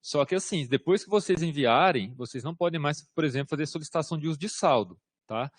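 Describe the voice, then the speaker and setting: A man's voice: on the high side, animated, quick pace. A man from Brazil answering questions in an online workshop, explaining in an informal way with lots of fillers and check-ins. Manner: informal, repeats "tá?" and hesitant fillers. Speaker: government systems instructor.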